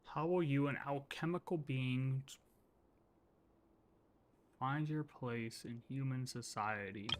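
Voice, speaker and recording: A game streamer thinks aloud in casual live commentary as he plays, his medium-pitched voice slow and full of frequent pauses. Faint game music plays underneath.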